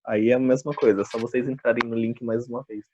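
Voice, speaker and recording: A Brazilian man hosting and moderating an online Q&A, relaxed and practical. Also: medium pitch, quick pace. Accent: Brazilian Portuguese. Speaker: talk host and moderator. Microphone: video call. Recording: lo-fi video call with clear background noise.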